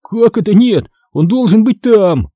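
A man's voice: high-pitched, animated, unhurried, dark tone, dry recording, highs cut off, voice pushed up. Man doing a whiny clumsy young boy. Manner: whining and protesting.

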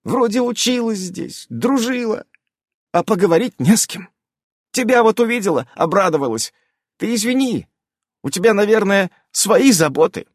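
A man putting on a wheedling young fox-witch woman from a storybook, whining in a high, lively voice, set close in a dry room. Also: moderate pace, no echo. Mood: whiny. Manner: whining, ingratiating.

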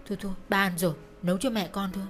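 A woman voicing a gentle, tearful middle-aged father who pleads, in a storybook reading. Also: mid-range voice, fairly even intonation, racing, faint music behind, natural voice.

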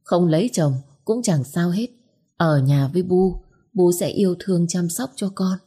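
A woman's voice: lowish voice, normal speed, dark tone, slightly rough. A woman voicing a weary middle-aged mother who comforts her daughter, in a storybook reading. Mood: soothing. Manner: comforting, turns hard when bitter. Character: weary middle-aged single mother, stern but loving.

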